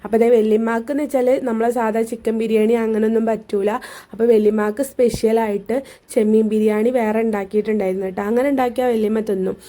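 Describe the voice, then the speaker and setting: A woman's voice: fairly high pitch, level tone, quick pace, dark tone. A young woman, chatting casually to her viewers in a family vlog. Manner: chatty, rambling, addresses viewers as guys. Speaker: vlogger.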